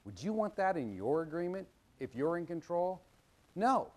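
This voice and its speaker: A middle-aged male attorney explains how business agreements work in an easygoing, folksy way. His voice sits a little high for a man. He tells personal stories and acts out the back-and-forth of quoted conversations with lively energy. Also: normal speed. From Washington State, US. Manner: folksy, animated storytelling, acting out quoted dialogue. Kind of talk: explanatory legal talk with anecdotes.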